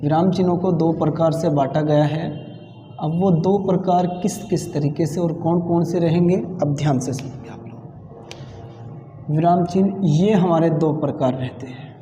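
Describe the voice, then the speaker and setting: A man teaching an exam-prep grammar lesson, explaining slowly and repeating key points with pauses. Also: a little high, warm tone, a little hiss or hum. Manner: slow, repetitive explaining with pauses. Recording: echoey room with long reverb.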